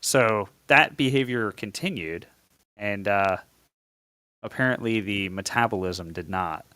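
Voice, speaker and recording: A man in his forties, a guest on a podcast, telling his story in a relaxed, self-deprecating way with many fillers. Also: lowish voice, a little slow, dry recording. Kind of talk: casual podcast interview.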